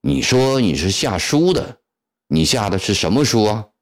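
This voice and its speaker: A fierce young rebel warrior, as a male storyteller puts him on, snapping out harsh commands and threats in a deep, low voice. The pitch swings widely between words. Delivered as a spoken storybook. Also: animated, moderate pace, creaky. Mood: menacing.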